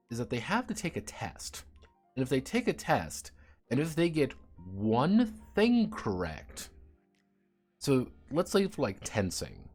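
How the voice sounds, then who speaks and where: A man's voice: fairly low pitch, a little mellow. A man streaming and chatting casually, rambling, swearing and sardonic about his teaching job.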